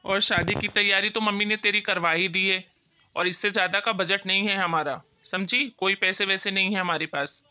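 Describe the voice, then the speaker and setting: A woman's voice: medium pitch, fairly even intonation, normal speed, voice pushed down, close to an everyday voice. A woman voicing a stubborn young husband who speaks curtly and scolds his wife, in an amateur family skit. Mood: irritated. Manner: curt and scolding. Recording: dull, muffled lo-fi recording.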